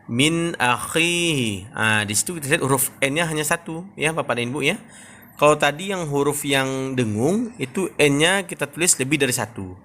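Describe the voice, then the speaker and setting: A man teaches Quran reading in a patient, repetitive lesson style. He addresses his listeners often and stretches the example words out slowly. A faint hiss sits behind the voice. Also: mid-range voice, bright, forceful tone. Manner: patient, repeats "Bapak dan Ibu, ya" often.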